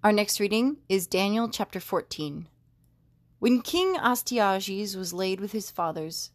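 A woman reading a scripture passage aloud in a measured, steady way. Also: medium pitch. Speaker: scripture reader.

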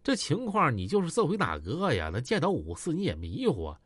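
A man with a Northeastern Mandarin accent telling a story in lively, colloquial style with wry asides. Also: on the high side, brisk, slightly rough, no room sound. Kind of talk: oral storytelling in vernacular.

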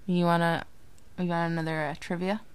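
Young woman, slightly low voice, teasing, laughs a lot, casual podcast chat. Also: level tone, a little fast, clear, resonant tone, dry recording. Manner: playful, teasing, laughs easily. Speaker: podcast co-host.

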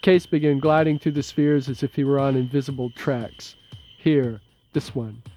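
A man narrating an audiobook in a measured, steady, low-key way. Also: faint music behind. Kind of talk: scripted narration.

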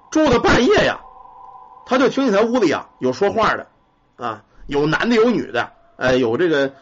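Lively husky storyteller man. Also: high voice. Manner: colloquial, animated, swears casually. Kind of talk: spoken ghost story telling. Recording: muffled lo-fi recording.

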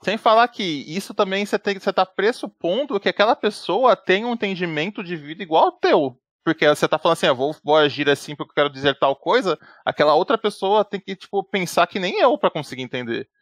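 A man's voice: sits high, brisk, few pauses, dry recording, clean studio sound. A man co-hosting a podcast in casual chat, rambling with many fillers and restarts and acting out quoted dialogue. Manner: rambling, peppers speech with "né" and "tipo", restarts often; animated, acts out quoted dialogue. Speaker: podcast co-host.

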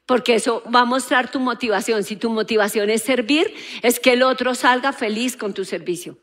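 A woman preaches in an auditorium, her voice sitting a little high. She asks the audience questions and acts out the quotes in her story. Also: normal speed. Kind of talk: sermon.

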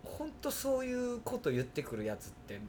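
A man's voice: extremely high pitch, wildly swooping pitch, normal speed, darkish tone, a little hiss or hum. A man with a Kansai accent hosting a casual podcast chat, laughing often and tripping over tongue twisters. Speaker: podcast host.

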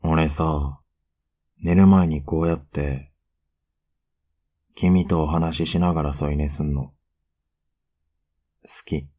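A man playing a tender, teasing, clingy younger boyfriend in an ASMR role-play, murmuring softly and intimately. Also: very deep voice, steady tone, takes it slowly, pauses often, highs cut off, exaggerated voice. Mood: pouty, affectionate. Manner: soft, intimate, coaxing murmur.

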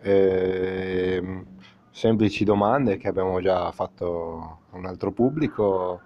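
A dull, lo-fi recording of a young man with a fairly low voice. He acts as co-interviewer, asking questions in a casual conversational style. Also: fairly even intonation, takes it slowly. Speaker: podcast co-interviewer. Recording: dull lo-fi sound.

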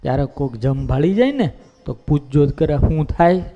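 A male monk giving a devotional storytelling sermon, lively and folksy, acting out the characters' voices. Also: medium pitch, normal speed. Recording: dull lo-fi recording.

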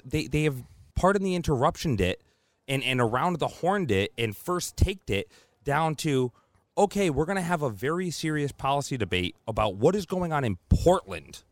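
Heated fast-talking man on a podcast. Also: mid-range voice, no echo. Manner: fast, heated, blunt, swears. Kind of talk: casual political and media chat.

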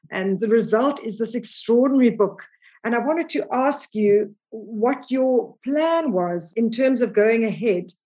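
A woman interviewing an author, asking measured, encouraging questions. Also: mid-range voice, a little mellow.

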